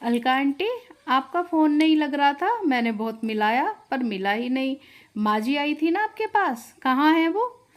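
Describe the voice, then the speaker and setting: A woman's voice: high-pitched, expressive, measured pace. A woman voicing a caring, anxious young daughter-in-law in a storybook tale, speaking earnestly. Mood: worried.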